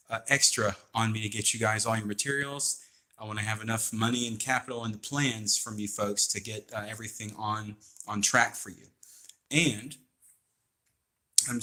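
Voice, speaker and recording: A man speaking as a personal trainer in a rambling, informal explanatory style, halting often and checking in with "okay?". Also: mid-range voice, sharp tone. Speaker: personal trainer pitching a weight-loss walking program.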